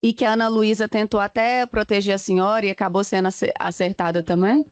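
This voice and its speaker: A woman's voice: mid-range voice, fairly even intonation, no echo. A woman with a Brazilian Portuguese accent questioning a witness in court, firing off pointed questions one after another. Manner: probing, rapid-fire questions.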